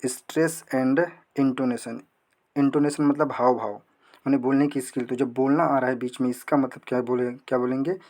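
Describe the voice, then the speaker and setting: Guy doing exam prep, asks stuff then answers it himself, reads english lines real slow. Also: medium pitch, fairly even intonation, a little mellow. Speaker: teacher. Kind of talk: exam prep lesson explaining questions.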